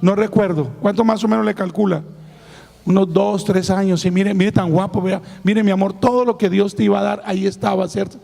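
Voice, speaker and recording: A man preaching in a church hall, his hoarse, gravelly voice sitting high for a man but dark in tone. He speaks with emphatic warmth, repeatedly calling out to his listeners as brothers. A long reverb from the hall trails his words. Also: steady tone, brisk. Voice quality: hoarse, raspy voice. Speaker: pastor. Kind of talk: sermon testimony.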